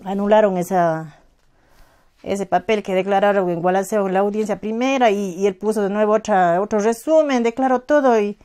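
A middle-aged woman from Azuay, speaking with a southern Andean Ecuadorian Spanish accent, gives personal testimony as a victim's mother. Her medium-pitched, dark voice is halting and emotional, and she uses a lot of reported speech.

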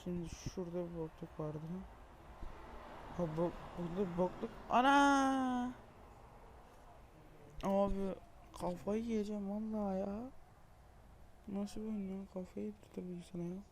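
Young man, gameplay commentary, high voice, gravelly, exasperated, swearing. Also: fairly even intonation, moderate pace, a little hiss or hum. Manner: exasperated, swearing, shouting in frustration. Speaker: gaming video creator.

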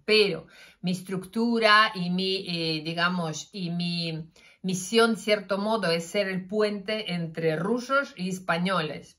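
In a plain room with a curtain as the backdrop, a middle-aged woman with a Russian accent vlogs about health straight to her phone's front camera. Her voice is on the low side, and her casual delivery is animated, full of gestures, fillers and restarts.

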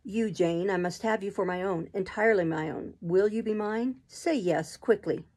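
A woman with a high voice plays a brooding, imperious gentleman in love for a storybook, delivering urgent, commanding declarations at normal speed. Her tone is pleading and tormented.

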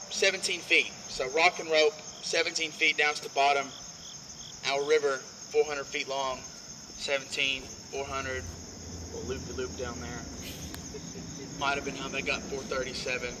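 Through a noisy background and underlying music, a mid-range male voice leads a group outdoors and into a cave. He's an upbeat storyteller telling playful tales, heard from a visitor's camera a few meters away.

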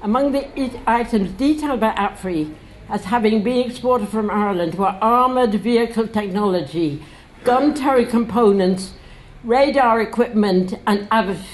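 Reading aloud to a standing crowd in a bookshop, this older woman is launching her book, joking and laughing between passages. Her pitch is fairly high and her pace normal. The stand mic at the lectern gives a low-quality recording with a little hiss or hum.

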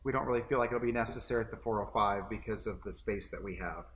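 A man's voice: fairly low pitch, quick pace, a bit bright. A man in his forties, a pastor, seated in a small room making an earnest church announcement to camera, with frequent restarts and repeated words.

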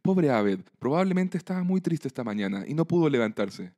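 A man's voice: on the high side, very animated, fairly quick, dark tone, dry recording, studio quality, pitched above the performer's own voice. A man voicing a sincere, preachy young woman student. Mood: earnest.

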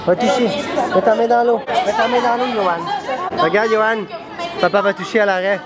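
A woman's voice: medium pitch, fairly even intonation, a little fast. A woman with a Quebec French accent filming a family zoo outing, cooing and narrating to her young children. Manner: cooing, sing-song talk to toddlers. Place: outdoors at a busy zoo. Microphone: handheld camera. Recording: loud crowd chatter outdoors.

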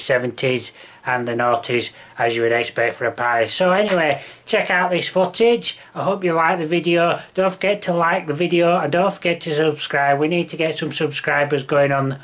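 A man's voice: fairly high pitch, a bit bright. A man, a mobile DJ vlogging casually to camera from home, rambling with many ums and restarts. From England. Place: small room at home. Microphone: camera close to the face.

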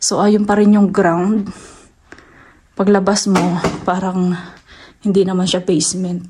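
A Filipino-accented woman from the Philippines gives viewers a house tour, walking through a large basement and out into the snow while chatting casually, halting at times and mixing in English words. Her mid-range voice has little pitch movement, and the handheld recording is noisy and on the move.

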